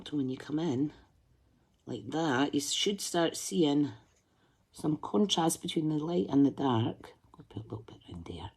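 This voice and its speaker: Animated yet a little slow, this woman's low-pitched, darkish voice carries a breathy edge. She hosts a live colouring demo, chatting and thinking aloud, and hums to herself while she concentrates.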